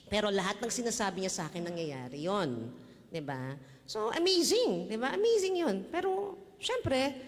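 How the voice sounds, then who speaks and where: A woman from the Philippines, speaking with a Filipino accent, shares a casual personal faith testimony as a church testimony speaker. She's chatty, laughs often, and tosses in tag questions. Her medium-pitched voice trails off in a long reverb tail.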